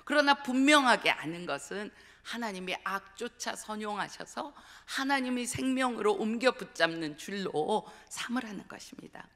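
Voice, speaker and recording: A middle-aged woman preaches a testimonial sermon as a guest speaker, telling her story earnestly and slipping into whispers to stress a point. Her voice is bright and gravelly. It rings with the long reverb of a church sanctuary. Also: medium pitch, animated, normal speed, few pauses. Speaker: guest speaker, pastor's wife.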